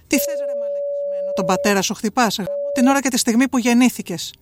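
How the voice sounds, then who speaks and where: A woman's voice: mid-range voice, fairly even intonation, natural voice. A woman voicing a furious abusive father who snarls insults in a dramatic reading. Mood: snarling.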